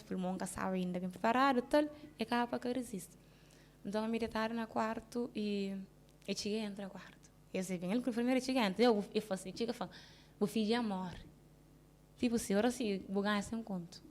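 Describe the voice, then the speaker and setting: A woman with a Cape Verdean Creole accent telling a personal story in an interview, halting and restarting, often asking if the listener understands, subdued with sudden bursts of emphasis. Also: medium pitch, darkish tone. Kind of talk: personal account in a casual interview.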